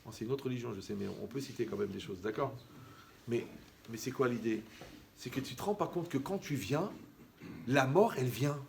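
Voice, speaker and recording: A man giving a lively, conversational sermon as a rabbi, who acts out the people he quotes. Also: medium pitch, fairly quick, vocal fry, a little hiss or hum. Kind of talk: animated sermon.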